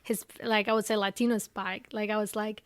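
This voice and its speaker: A woman's voice: mid-range voice, flat delivery, a little fast, no echo, studio quality. A young woman from Ecuador with a Spanish accent, speaking English as her second language and chatting animatedly as an interview guest, full of "you know" and "like". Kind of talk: casual interview conversation.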